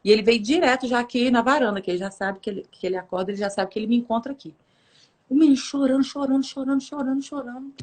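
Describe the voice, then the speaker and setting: A woman, telling a faith story in a lively, casual way, acting out voices and laughing often. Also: racing. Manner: lively, acts out quoted voices with big pitch jumps.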